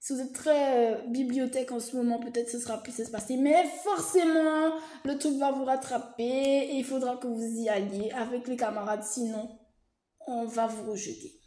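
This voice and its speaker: A woman's voice: a little high, steady tone, normal speed, warm tone. Hesitant chatty woman, roomy echo. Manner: hesitant, frequent fillers and restarts, chatty; informal, reassuring asides. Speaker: vlogger. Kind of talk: casual explanatory monologue.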